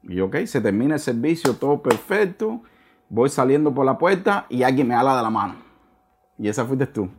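A husky, mid-range male voice, fairly quick, belongs to a man in his thirties appearing as a guest in a casual interview. He tells his story with animated restarts and repetitions, occasionally dropping in English words.

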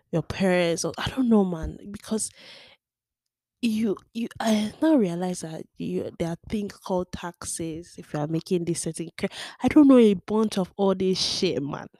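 A woman in her twenties hosting a solo podcast, talking frankly and chattily with lots of fillers and sudden swings between loud and soft. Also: on the low side, no echo, clean studio sound. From Nigeria. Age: 20s. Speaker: podcast host. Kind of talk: candid solo podcast monologue.

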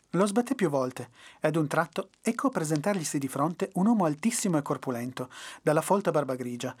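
Brief: expressive folk-tale narrator, husky, animated. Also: mid-range voice. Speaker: podcast storyteller. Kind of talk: storybook narration.

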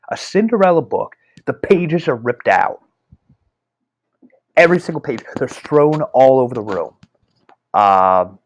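A middle-aged man casually telling a personal ghost story, rambling with fillers and restarts. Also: mid-range voice. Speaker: author.

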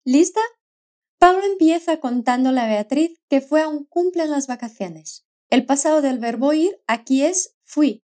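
A woman teaching a language lesson, modelling words slowly and clearly with encouraging prompts to repeat. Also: high voice, lively intonation, dark tone. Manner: slow, carefully modelled repetitions with encouraging prompts. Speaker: Spanish pronunciation teacher. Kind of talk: scripted language lesson narration.

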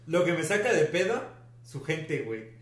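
A man in his twenties from Veracruz, a podcast guest in casual chat, laid-back and quick to agree. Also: on the high side, very animated. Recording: roomy room echo.

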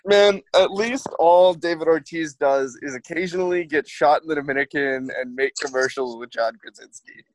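A man's voice: a little high, moderate pace, few pauses, dry recording, poor audio. A man hosting a sports podcast in casual chat, wry and teasing, moving between topics. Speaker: podcast host.

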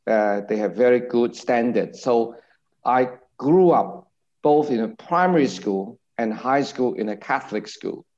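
A middle-aged man recounts his story at a measured pace, often quoting others along the way. His voice sits in an ordinary middle pitch. It comes through a slightly dull, lo-fi video-call connection. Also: darkish tone. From Hong Kong. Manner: measured storyteller, repeats reported speech. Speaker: guest, mission agency director. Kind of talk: conversational interview testimony. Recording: dull remote-call audio.

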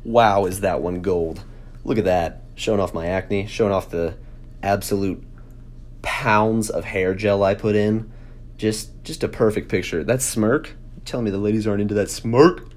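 A man's voice: lowish voice, unhurried. A young man vlogging, mocking himself in sarcastic, casual commentary with exaggerated exclamations.

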